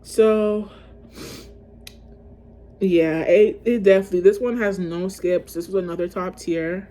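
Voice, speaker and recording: A woman's voice: lowish voice, fairly even intonation, normal speed, mellow. A woman vlogging casually to camera, ranking music in a chatty, emotional way and calling her viewers y'all.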